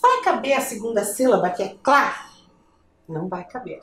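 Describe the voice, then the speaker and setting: A woman's voice: medium pitch, expressive, normal speed, fairly bright tone, echoey room, a little hiss or hum. A woman teacher with a Brazilian Portuguese accent, giving a patient lesson to children and asking the viewer questions.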